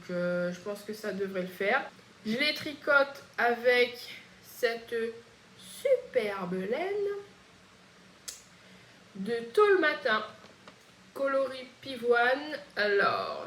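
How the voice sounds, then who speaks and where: A woman's voice: on the high side, a bit bright, a little hiss or hum. A woman from Réunion with a Réunion French accent, chatting casually and hesitantly as host of a knitting podcast. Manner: chatty, hesitant, frequent pauses. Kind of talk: casual chat. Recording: echoey room.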